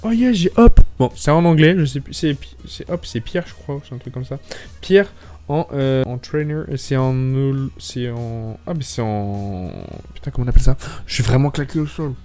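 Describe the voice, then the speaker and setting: Excitable young Frenchman, mellow voice. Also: medium pitch, normal speed, soft background music. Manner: excitable, stumbles over words, talks to viewers. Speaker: YouTuber opening card packs. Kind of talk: casual excited chat.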